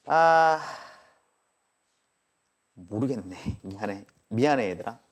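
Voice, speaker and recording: A man's voice: on the low side, expressive, slow. A male math teacher giving a live classroom lecture, constantly checking in with his students.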